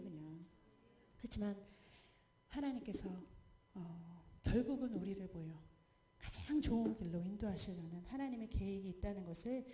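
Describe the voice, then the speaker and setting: A woman missionary preaching a sermon, lively, asking the congregation questions and acting out quoted pleas. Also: mid-range voice, roomy sound. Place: church.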